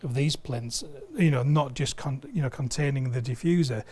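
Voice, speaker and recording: In a video studio, a guest who directs sales at a loudspeaker company explains a product in conversation with enthusiasm and emphasis, favoring everyday analogies. His mid-range voice is a little mellow with a breathy edge, at a moderate pace.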